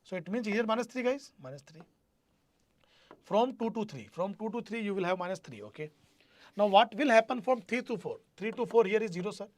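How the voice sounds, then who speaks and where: High-pitched North Indian man teaching live. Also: lively intonation, a little fast. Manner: repetitive, question-prompting, addresses students directly. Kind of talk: live online exam-prep lecture.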